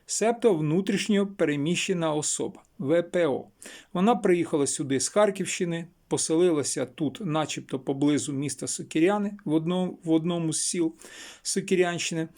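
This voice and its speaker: A man from western Ukraine speaks in a fairly high voice as a local blogger. He is insistent and repeats phrases to drive home each point. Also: fairly quick, a little mellow. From Chernivtsi region, Ukraine. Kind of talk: emphatic local news vlog.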